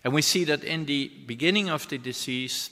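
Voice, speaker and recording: A man's voice: a little high, sharp tone. Earnest male surgeon lecturing in a hall. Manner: earnest, explanatory, with halting restarts. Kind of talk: medical conference lecture. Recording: long hall reverb.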